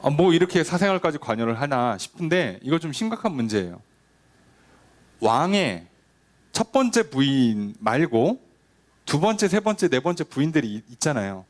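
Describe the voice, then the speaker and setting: A man's voice: fairly high pitch, very animated, moderate pace. A male pastor giving a conversational sermon, often asking the congregation rhetorical questions and acting out quoted lines.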